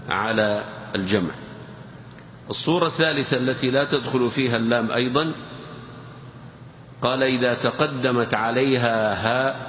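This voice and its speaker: A man teaching a grammar lesson in a slow, deliberate way, repeating key words and examples for his students. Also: medium pitch, a bit bright. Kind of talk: formal classroom lecture. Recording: echoey hall with faint noise.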